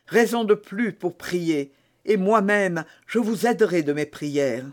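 A man reading an audiobook voices a stern, devout soldier guard who speaks gravely and solemnly. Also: high-pitched, slow pace. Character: stern, pious young male soldier guard.

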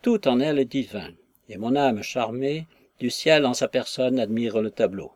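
A man's voice: mid-range voice, moderate pace, darkish tone, no room sound, natural voice. A man reading a lovesick young hero. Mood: smitten. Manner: impassioned, effusive, with sighs and exclamations. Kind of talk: audiobook reading of a classic novel.

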